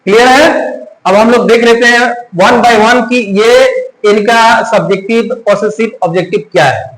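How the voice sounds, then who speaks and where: A man's voice: extremely high pitch, normal speed, a bit bright. A man teaching a grammar lesson to a class, asking questions and repeating the students' answers, switching between Hindi and English terms. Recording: echoey classroom, faint room noise.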